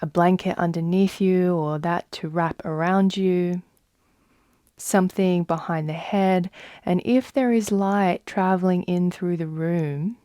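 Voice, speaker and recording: Here a female yoga nidra guide talks through a meditation at a very slow pace, pausing at length between phrases. Soft, mellow and fairly low, her voice keeps a steady, soothing tone the whole way. It's captured close and dry, with no echo.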